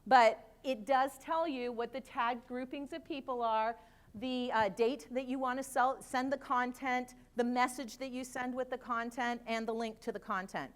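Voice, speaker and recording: Chatty middle-aged lady speaker, kinda high voice, jokes around w the crowd. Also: normal speed, smooth. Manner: lively, chatty, joking asides. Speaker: conference speaker. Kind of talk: live presentation to an audience.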